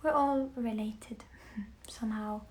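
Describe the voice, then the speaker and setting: A young Norwegian woman with a Norwegian accent, chatting softly on a livestream while she paints, often slipping into near-whispers. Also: a little high, slow pace. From Norway. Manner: soft-spoken, often drifting into near-whispers. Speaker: musician live-streaming to fans. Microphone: phone. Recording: echoey room with faint background hiss.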